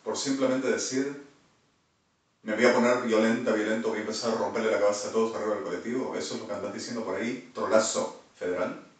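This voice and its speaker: Argentine man, rambling solo monologue, erratic swings from mutter to shout; distant mic, heavy room echo. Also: on the low side, fairly even intonation, quick pace. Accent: Argentine Spanish. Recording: very echoey room, far from the mic.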